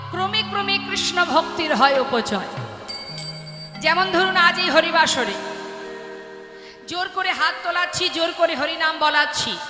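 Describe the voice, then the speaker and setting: A woman's voice: very high voice, sharp tone. A woman with a Bengali accent, a kirtan singer who chants and then preaches earnestly to a gathering. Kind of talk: devotional chanting and sermon. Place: devotional gathering hall. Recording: echoey hall with music behind.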